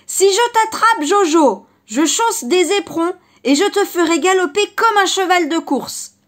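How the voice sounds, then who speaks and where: A woman voicing a vengeful, grumbling male fox in a children's storybook, blustering and shouting. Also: high voice, expressive, normal speed.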